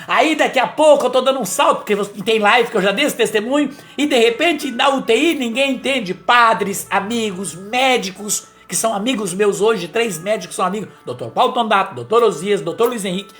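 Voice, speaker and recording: A man's voice: sits high, brisk, few pauses, a bit bright, soft background music. Man preaching a conversational testimony. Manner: conversational, storytelling, frequent tag questions. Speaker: lay preacher giving testimony. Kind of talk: personal testimony on a live stream.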